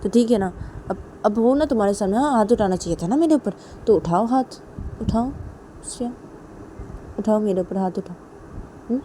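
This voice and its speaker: A low, mellow voice that keeps taunting and daring, full of hurt defiance, as a woman storyteller plays the partner. The voice is close to her own speaking voice. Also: lively intonation, normal speed, pauses often, a little hiss or hum, close to an everyday voice, rough recording. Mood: defiant. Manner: taunting, insistent.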